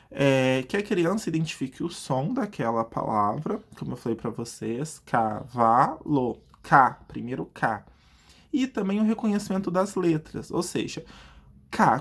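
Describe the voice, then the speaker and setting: A man with a Brazilian Portuguese accent who teaches a video lesson in a chatty way. He asks himself questions and then answers them, and he slowly stretches out words syllable by syllable to show how they split. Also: fairly high pitch, vocal fry, slightly rough.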